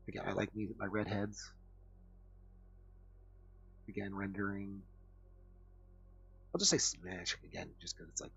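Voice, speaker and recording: Gravelly, husky man rambling crudely. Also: fairly low pitch. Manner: crude, rambling, full of fillers. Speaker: podcast host. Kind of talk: casual comedic commentary. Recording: dull lo-fi dry recording.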